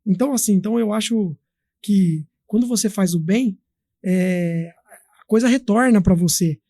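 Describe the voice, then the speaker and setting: A man from Brazil, a guest in an interview, telling a story in a lively, chatty way with many fillers. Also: high voice, normal speed, dry recording, clean studio sound. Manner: animated, acts out quoted voices, many fillers. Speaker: guest, company founder.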